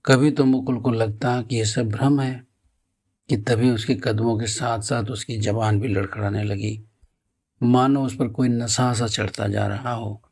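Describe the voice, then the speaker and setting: A man tells a spooky tale at a slow, measured pace. His voice is gravelly and husky, with an average male pitch. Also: fairly even intonation, a little mellow. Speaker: storyteller. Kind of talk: horror story narration.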